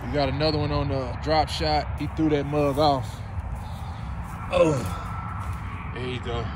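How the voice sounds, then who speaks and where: A man, chatting casually in a vlog, relaxed and rambling, cussing freely. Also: a little high, a little slow. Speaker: vlogger. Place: in a parked car, then outdoors by a lake. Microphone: phone held at arm's length. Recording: noisy outdoor phone recording.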